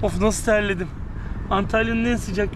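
A man in his thirties hosts a fishing channel, chatting playfully with his son as they catch creatures by a park stream and talking casually to camera. His voice sits high at a moderate pace. An action camera worn on his body captures the outdoor audio, which has steady background noise.

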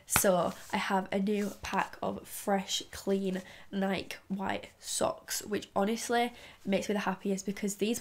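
A woman with a cold and a blocked, nasal voice, chatting to her viewers in a casual vlog. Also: mid-range voice. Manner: chatty and bubbly, talking straight to viewers. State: congested, blocked nose from a cold. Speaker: YouTube vlogger. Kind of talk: casual haul vlog chat.

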